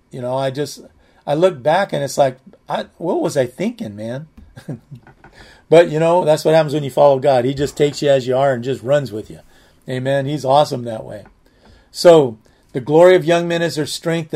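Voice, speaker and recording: A man in his late sixties gives a verse-by-verse Bible teaching. His voice sits a little higher than most men's, and he talks in a loose, chatty way, circling back and restarting sentences as he goes. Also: darkish tone. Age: 60s. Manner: conversational, repeats himself, restarts phrases. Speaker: pastor.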